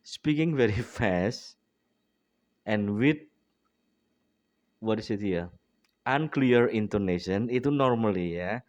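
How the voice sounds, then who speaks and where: A man's voice: lowish voice, animated, slow pace, long pauses, dry recording. A man with an Indonesian accent giving a bilingual speaking lesson, mixing Indonesian and English, tagging lines with "ya", and speaking with a runny nose. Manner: mixes Indonesian and English, frequent tag "ya". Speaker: English teacher.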